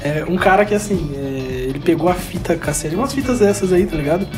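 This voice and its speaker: A man's voice: sits high, lively intonation, fairly quick, loud music behind the voice. A man with a Brazilian Portuguese accent, joking in heavy slang during casual podcast chat with friends as a co-host.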